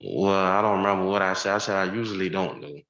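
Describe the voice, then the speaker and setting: Low-voiced young man on a courtroom recording. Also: a bit bright. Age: 20s. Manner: hesitant, halting answers. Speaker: defendant. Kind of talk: court testimony. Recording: roomy, dull courtroom audio.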